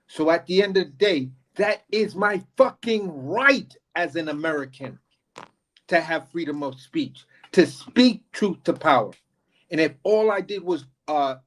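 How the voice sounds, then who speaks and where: A man co-hosting a casual political commentary show, speaking emphatically with profanity and repeated phrases. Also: a little high. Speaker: co-host.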